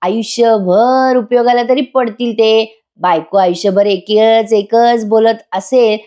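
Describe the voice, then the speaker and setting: A woman's voice: medium pitch, normal speed, warm tone, lightly acted. Hurt young husband, jokey and loving, read by a woman recapping a serial. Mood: teasing, tender. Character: injured young husband, teasing and affectionate.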